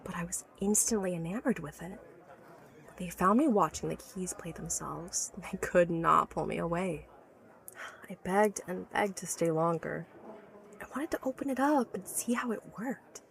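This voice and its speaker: Here a fairly low, creaky female voice moves at an ordinary pace, portraying a learned and obsessive inventor in an audio drama. Nostalgia and rapture color her earnest, articulate retelling of her life's work, though awe at the subject sometimes sets her stammering.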